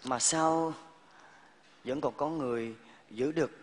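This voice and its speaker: An actor playing an eager young suitor who turns meek and polite before the elder in a live stage comedy sketch. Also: male voice, medium pitch, measured pace, slight background noise, lightly acted. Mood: timid. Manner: eager then deferential, polite particles. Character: young earnest male suitor from the city. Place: large theater stage. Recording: live stage, long hall reverb.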